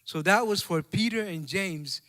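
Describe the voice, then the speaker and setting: This pastor speaks at a measured pace in a high-pitched, sharp-toned voice, carrying a Samoan accent. During a church service he preaches a bilingual sermon conversationally, checking in with the congregation via tag questions.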